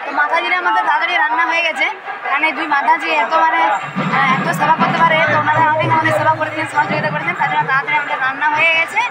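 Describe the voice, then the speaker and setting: A woman's voice: high voice, little pitch movement, rapid-fire, loud music behind the voice. Eager woman guiding a noisy temple tour. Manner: eager, pointing things out, chanting. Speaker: vlog host, temple tour guide. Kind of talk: walking temple tour narration. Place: busy temple grounds outdoors. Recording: loud crowd and street noise.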